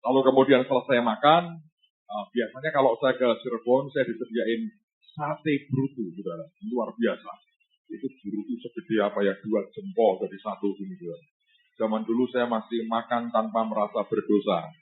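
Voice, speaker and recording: Pastor telling a story. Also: male voice, mid-range voice, normal speed. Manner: lively storyteller who keeps addressing the congregation as "saudara". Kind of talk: storytelling sermon. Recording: tinny phone-like sound.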